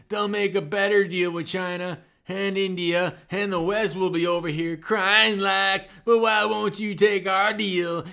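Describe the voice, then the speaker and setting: A man's voice: high-pitched, gravelly, sharp tone, full character voice. A man voicing a folksy know-it-all male sidekick who drawls in loose, ungrammatical phrasing in comedic banter.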